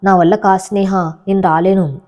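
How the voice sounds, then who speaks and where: A woman's voice: mid-range voice, fairly even intonation, moderate pace, warm tone, muffled recording, close to an everyday voice. A woman voicing an earnest young man in love in a storybook reading, speaking in an earnest, pained way.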